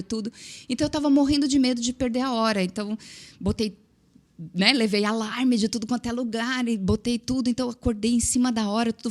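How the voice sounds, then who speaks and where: A woman with a Brazilian Portuguese accent, speaking as a guest on a casual podcast. Her voice sits at a mid pitch, and she tells her story in a lively, chatty way. She often adds small tag questions and filler words as she goes.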